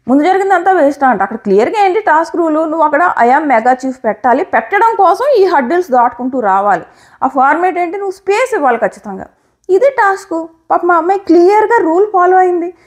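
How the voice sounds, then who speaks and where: A woman giving an opinionated, animated review of a reality show episode. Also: very high voice, fast talker. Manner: animated, opinionated retelling with quoted lines. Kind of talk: casual commentary.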